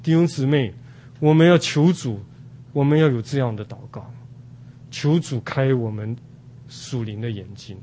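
An older man from Taiwan preaching a sermon at an unhurried pace, with many drawn-out "ah" fillers. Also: medium pitch, warm tone, a little hiss or hum.

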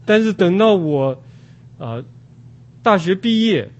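A man's voice: high-pitched, big pitch swings, highs cut off. Older man preaching, filler-laden. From Taiwan. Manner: unhurried, with frequent drawn-out "ah" fillers. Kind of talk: sermon.

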